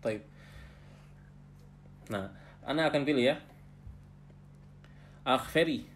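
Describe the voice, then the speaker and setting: A man teaching an Arabic class online, patiently explaining terms and often ending phrases with a soft tag. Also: medium pitch, slow pace, slight background noise. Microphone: video call.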